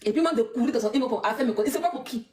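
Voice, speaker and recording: A high-voiced woman rants defiantly on a livestream, mocking her critics and laughing with scorn. Her voice rings in an echoey room. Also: rapid-fire, a little mellow. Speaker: social media personality. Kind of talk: heated livestream rant.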